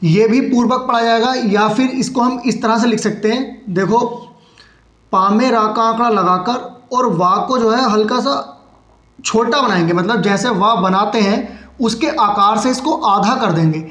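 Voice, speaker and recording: A man's voice: high-pitched, unhurried, a bit bright. A man giving a patient step-by-step lesson in shorthand, explaining each stroke as he writes it. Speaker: shorthand teacher. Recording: echoey room.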